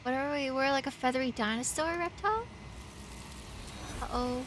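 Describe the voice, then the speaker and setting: A woman's voice: high-pitched, moderate pace, noisy background. A woman livestreamer giving casual, playful, teasing commentary on a game.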